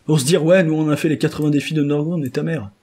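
A man's voice: a little high, fast, slightly rough. A young man casually joking and swearing while commentating a co-op game he plays with a friend. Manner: joking, crude, excitable. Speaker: gamer co-host.

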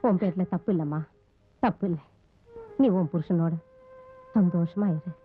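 An actress playing a fierce middle-aged mother who scolds her daughter in sharp, scornful tirades. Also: fairly low pitch, unhurried, faint music behind, lightly acted. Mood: bitter resigned. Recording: dull old film soundtrack.

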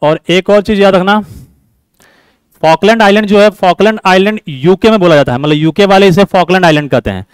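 A man's voice: high-pitched, brisk, clean tone, dry recording. A man teaching an exam-prep class, explaining points over and over and quizzing his students. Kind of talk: classroom lecture mixing Hindi and English.

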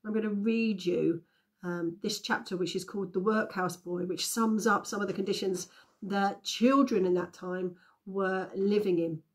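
A woman's voice: medium pitch, moderate pace. Woman tutor reading aloud. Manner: expressive storytelling, friendly teacher tone. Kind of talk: reading a children's story aloud and teaching.

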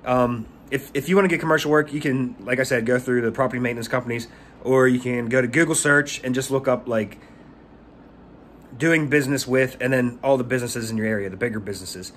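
Talking fairly quickly in a mid-range, fairly bright voice, a pressure washing business owner in his thirties rambles through vlog tips, stumbling and repeating words. He records on a phone held at arm's length in a small room, with a little hiss or hum.

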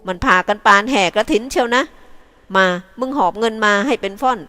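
Woman reading as a gruff, blunt drover man. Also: mid-range voice, takes it slowly, big-room sound, lightly acted. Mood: mocking. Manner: loud, scolding, brusque.

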